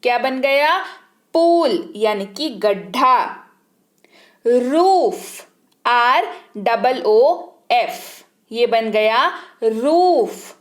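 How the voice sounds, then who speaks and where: A woman's voice: fairly high pitch, expressive, extremely slow. A woman teaching English words, spelling each one out letter by letter and repeating it with its meaning. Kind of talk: slow teaching lesson, spelling words aloud.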